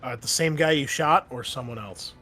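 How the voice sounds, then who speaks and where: A male game master runs a tabletop game with an easygoing, relaxed, casual delivery full of fillers. His mid-range voice moves at a moderate pace over a faint music bed.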